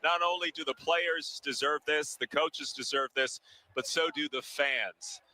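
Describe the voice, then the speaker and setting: Very bright, forceful male live anchor. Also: a little high, unhurried, rough recording. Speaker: parade coverage anchor. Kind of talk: live broadcast commentary. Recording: faint background noise.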